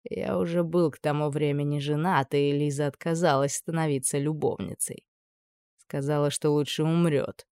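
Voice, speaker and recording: A woman voicing a scheming, menacing older male judge with a low, insinuating purr. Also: steady tone, normal speed, dark tone, clean tone, no room sound, studio quality.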